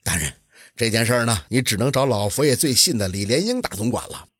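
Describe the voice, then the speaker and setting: A man storyteller voicing a calm, wise master jade carver who speaks low and softly. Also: husky, no room sound, clean studio sound, exaggerated voice. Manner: low, unhurried and soft.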